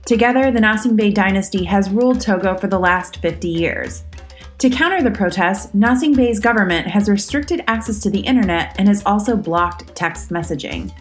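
Woman, podcast host, mid-pitched, measured, articulate, faint music behind. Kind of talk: podcast news roundup and interview.

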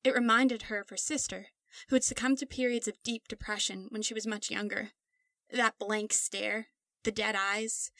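A woman narrating a scripted story in a steady, measured reading voice. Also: mid-range voice, no echo.

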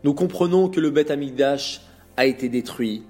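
A man narrating a religious story in a measured, expressive reading voice. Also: medium pitch. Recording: faint music behind.

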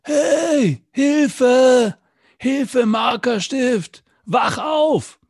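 A man's voice: fairly high pitch, level tone, brisk, vocal fry, husky, no echo, studio quality, pitched above the performer's own voice, exaggerated voice. A man voicing a panicked male smartwatch whose battery is nearly dead, calling out shrilly for help.

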